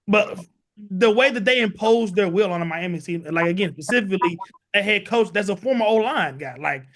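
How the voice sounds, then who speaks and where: A man's voice: high-pitched, lively intonation, fairly quick, fairly bright tone. A man hosting a casual sports podcast, rambling through his points with many "you know" and "like" fillers.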